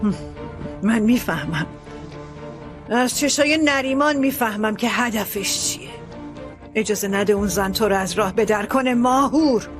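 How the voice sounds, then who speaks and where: A woman's voice: medium pitch, animated, pauses often, over music, close to an everyday voice. A woman dubbing a domineering, scornful mother. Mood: scolding. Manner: commanding, scornful, sarcastic. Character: domineering scheming wealthy mother, sharp-tongued landowner. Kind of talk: dubbed TV drama.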